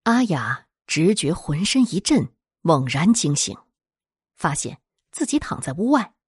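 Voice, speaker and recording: A woman narrating a scripted horror story in a dramatic, expressive storytelling manner. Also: low-pitched, measured pace, slightly rough, dry recording, studio quality.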